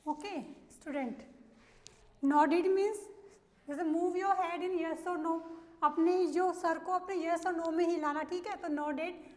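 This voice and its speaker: A woman's voice: very high-pitched, fairly even intonation, slow, a little mellow. A woman teacher with an Indian accent explaining vocabulary to a class, repeating words and asking questions as she goes. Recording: roomy sound with long reverb.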